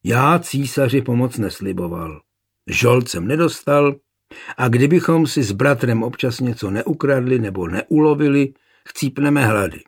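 A man voicing a gruff, rebellious soldier who grumbles defiantly, in a gravelly, husky voice. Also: mid-range voice, expressive. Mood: grumbling.

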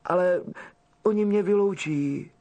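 A man's voice: high-pitched, darkish tone, pitched above the performer's own voice, natural voice. A man voicing a frightened, tearful young girl who pleads and stammers through sobs. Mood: tearful pleading.

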